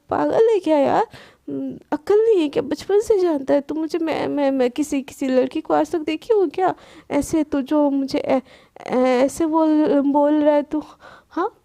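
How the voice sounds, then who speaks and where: A woman's voice: high-pitched, mellow. A woman voicing a flustered young woman who keeps stammering and angrily denies being in love. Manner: stammering, panicky and defensive.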